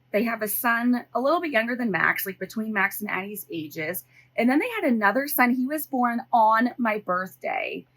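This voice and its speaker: Here a middle-aged American woman who vlogs about budgeting talks off the cuff to viewers from her home office, musing aloud as she counts money. The voice sits mid-range and a bit bright, and the recording quality is low.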